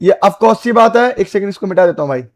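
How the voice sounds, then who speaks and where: A male biology teacher giving an exam-prep lecture, repeating key terms slowly and quizzing students with call-and-response questions. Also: sits high, expressive. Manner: repetitive call-and-response questioning, calls students beta and bhai.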